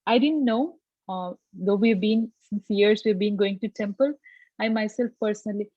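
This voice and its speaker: A woman with a South Indian accent sharing a personal reflection on an online group call, halting as she searches for words. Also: mid-range voice, no echo. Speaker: class participant. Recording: dull, muffled online call audio.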